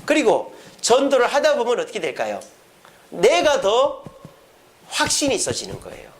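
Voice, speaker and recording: Male pastor, sermon, high voice, very lively swings in pitch, quizzes the congregation. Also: moderate pace. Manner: asks the congregation rhetorical questions and answers them himself; acts out quoted speech in lively voices. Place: church service.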